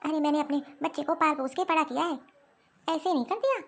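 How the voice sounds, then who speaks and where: Weary older mother-in-law, grumbling to herself, high voice. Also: fairly quick, slight background noise. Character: tired older mother-in-law, overworked, self-pitying. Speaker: voice actor. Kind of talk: Hindi cartoon dialogue.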